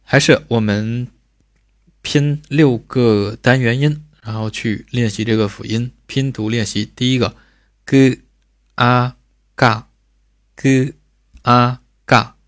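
A male language teacher giving a recorded pronunciation lesson, drawing out sounds slowly for drilling and checking in with frequent tag questions. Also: medium pitch, fairly even intonation, no room sound, clean studio sound.

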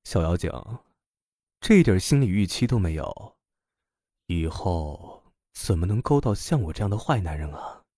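A man voicing a smug, seductive middle-aged professor who talks low and sly. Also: lively intonation, drawn-out words, pauses often, dark tone, husky, dry recording, studio quality, full character voice.

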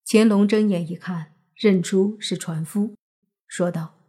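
A woman narrating a scripted historical story in a measured, expressive way. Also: mid-range voice, breathy edge.

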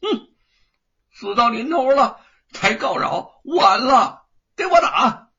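A man shouting as a sneering young bully. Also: very high-pitched, lively intonation, takes it slowly, voice pushed up, exaggerated voice. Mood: sneering fury. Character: arrogant young male bully, rich landlord's son. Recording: dull lo-fi recording.

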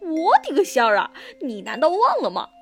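A woman's voice: sits high, sing-song, measured pace, soft background music. Woman voicing a vain little flower fairy girl. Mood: haughty. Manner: haughty, showy.

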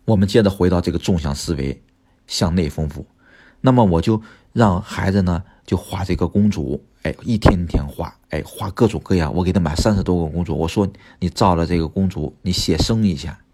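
Deep husky-voiced man telling stories. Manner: animated storytelling with frequent interjections. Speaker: drawing teacher and host. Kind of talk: casual advice talk to parents with anecdotes.

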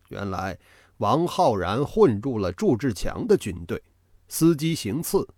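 Lively male audiobook storyteller. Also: medium pitch, dry recording, clean studio sound. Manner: dramatic, expressive storytelling. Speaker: audiobook narrator. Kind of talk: scripted storytelling narration.

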